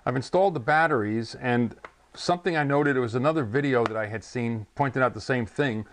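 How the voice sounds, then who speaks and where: A man in his sixties with a medium-pitched, slightly fast voice unboxes a radio in his home radio room, chatting and rambling a little on a lapel mic, with a bit of hiss or hum. He hosts a ham radio channel and chuckles often. The clip is a casual product unboxing vlog.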